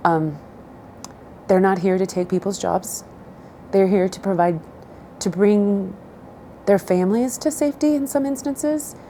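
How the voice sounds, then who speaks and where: Her voice fairly low and warm, a middle-aged woman from southern Idaho answers interview questions; Spanish is her first language. She is thoughtful and measured, with many pauses, over a little hiss or hum.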